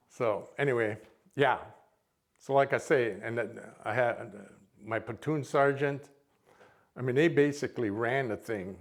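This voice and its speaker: Taking it slowly with long pauses, an older Minnesota man speaks in a mid-range voice with the local accent. He is a military veteran and guest speaker from Minnesota, United States, reminiscing to an audience in an informal, rambling, folksy manner.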